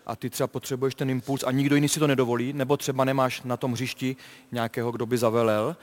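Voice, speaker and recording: A man on a sports panel, explaining his view in a measured way. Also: medium pitch, level tone. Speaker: panel guest. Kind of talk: casual studio debate.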